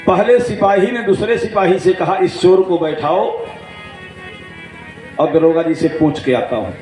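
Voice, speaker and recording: Guy preaching a katha, high voice, slow and drawn out, acts out little jokes, echoey pa with faint instruments behind. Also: over music. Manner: acts out dialogue in jokey anecdotes, chants verses slowly. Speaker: Bhagwat katha storyteller. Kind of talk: devotional sermon with storytelling. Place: large outdoor religious gathering.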